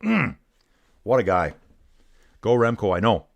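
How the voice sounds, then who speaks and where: Gravelly and low-ish, a middle-aged man's voice swings hugely in pitch and runs a little slow. He casually comments on a live bike race, chats with viewers, reads the chat aloud, and leans on "dude" a lot in his laid-back way.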